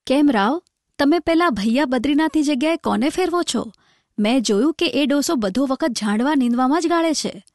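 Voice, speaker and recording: A woman's voice: high voice, lively intonation, moderate pace, a little mellow, dry recording, studio quality. A woman voicing a cold, arrogant male superintendent who gives curt orders. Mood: stern. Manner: curt, commanding.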